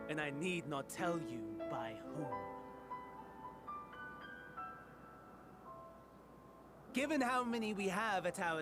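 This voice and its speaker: A man playing a scheming, courtly game villain, mocking and morbidly delighted, with mannered formal phrasing and dramatic pauses. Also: sits high. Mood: measured scheming. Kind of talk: dramatic video game voice acting.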